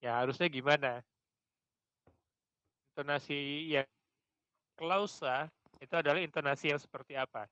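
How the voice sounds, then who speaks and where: A man leading a classroom discussion as lecturer, asking probing questions and working slowly through examples. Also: on the high side, bright, forceful tone, clean tone, no room sound, highs cut off. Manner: questioning, slow and deliberate with examples.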